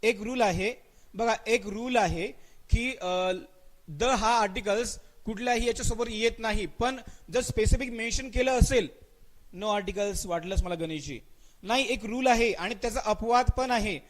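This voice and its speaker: A man with a fairly high voice and a Marathi accent runs a live online grammar class. He quizzes students by name, answers his own questions and repeats them, and slows right down to spell out English example sentences. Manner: mixes English words into his speech, stretches out spoken example sentences.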